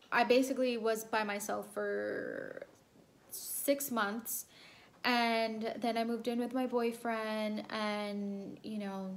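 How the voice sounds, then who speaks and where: A young woman from El Salvador telling a personal story to camera in a casual, rambling way, full of ums and repeats. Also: fairly high pitch. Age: young adult. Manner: chatty, rambling, many ums and repeated phrases. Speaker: vlogger.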